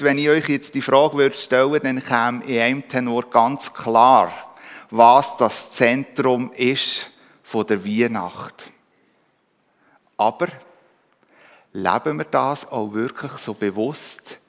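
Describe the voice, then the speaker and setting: A man with a Swiss German accent preaching a calm, reflective sermon in a church. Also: medium pitch. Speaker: pastor. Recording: reverberant church hall.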